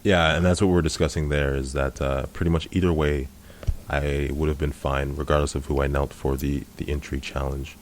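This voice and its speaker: A man with an extremely deep voice looks back on a card game he played. He talks in a relaxed, easygoing way and laughs readily. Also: normal speed, slight background noise. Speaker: player reviewing his own match. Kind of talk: casual game commentary.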